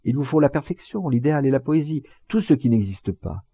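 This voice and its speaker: A man voicing a heartbroken young German girl who reproaches her lover in a slow, soft-spoken reading. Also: medium pitch, lively intonation, gravelly, breathy edge, dry recording, dull audio, pitched above the performer's own voice. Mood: sorrowful.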